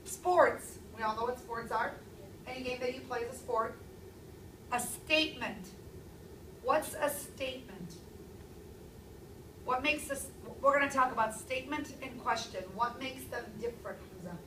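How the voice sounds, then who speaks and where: A woman in her thirties teaching a classroom language lesson, speaking clearly and stressing key words. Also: high-pitched, a little slow, long pauses, fairly bright tone, a little hiss or hum. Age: 30s. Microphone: far camera. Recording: echoey classroom from far off.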